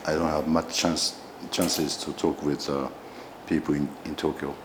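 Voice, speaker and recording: Male interviewee, Japanese accent, extremely deep voice, slow hesitant delivery, formal diplomatic register, noisy recording. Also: little pitch movement. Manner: halting, hesitant, broken phrasing. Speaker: ambassador being interviewed.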